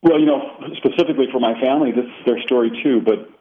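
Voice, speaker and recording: A middle-aged author from Colorado, in the United States, who grew up speaking Italian, reflects as a guest in a radio interview full of fillers and restarts. His voice is mid-range and quick, and it comes through a tinny phone line.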